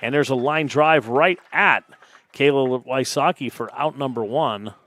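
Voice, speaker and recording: A man doing live play-by-play on a high school softball broadcast, briskly reading lineups and calling pitches. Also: no echo. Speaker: play-by-play announcer.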